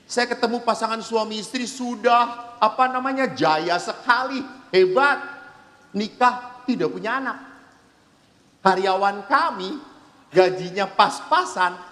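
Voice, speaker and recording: Brief: a high-voiced priest preaching, full of animated storytelling, with a long reverb from a large hall. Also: male voice. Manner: lively storytelling with acted-out quotes. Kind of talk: seminar sermon. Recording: echoey hall.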